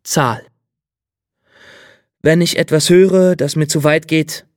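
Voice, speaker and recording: A man's voice: a little high, steady tone, slow, dry recording, studio quality. Man reading as a wary, guarded young man. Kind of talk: audiobook reading.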